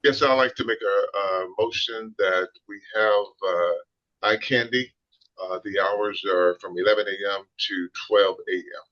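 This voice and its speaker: A man's voice: a little slow, fairly bright tone. A man speaking informally as a commissioner at a public meeting, giving conversational advice with some hesitation. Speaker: license commissioner. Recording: muffled low-fidelity meeting audio.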